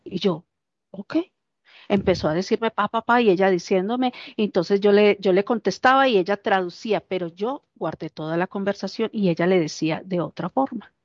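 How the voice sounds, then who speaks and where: A woman casually recounting a personal story, lively and animated, acting out the lines of the people in it. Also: mid-range voice, moderate pace, no echo. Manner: animated, acts out quoted dialogue. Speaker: interviewee. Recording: dull, dry lo-fi recording.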